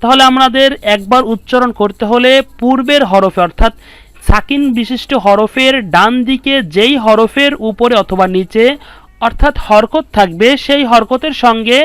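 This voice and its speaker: A man teaching Quran reading online, explaining patiently step by step and drilling syllables slowly. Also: very high voice, fairly bright tone, smooth, no echo. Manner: slow, drawn-out syllable drills.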